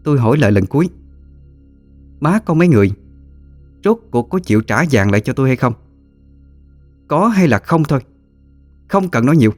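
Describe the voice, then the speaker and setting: A man voicing a proud, defiant pregnant young daughter-in-law, sweet-tongued then sharp-tongued. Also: mid-range voice, normal speed, pauses often, faint music behind, voice pushed up, close to an everyday voice. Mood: furious. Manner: pleading sweetly at first, later sharp and cutting.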